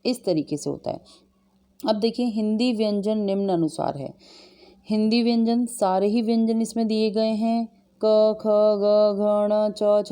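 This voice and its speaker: Woman teaching Hindi grammar, mellow voice. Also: medium pitch. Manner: explains step by step, asks and answers her own questions; often adds "ठीक है" and "है ना" as check-ins. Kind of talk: exam-prep grammar lesson.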